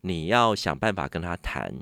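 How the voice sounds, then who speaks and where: A man with a Taiwanese Mandarin accent, a podcast guest telling a story in casual chat. He is animated and acts out other people's lines with sudden jumps in pitch. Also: normal speed, creaky, no room sound, clean studio sound.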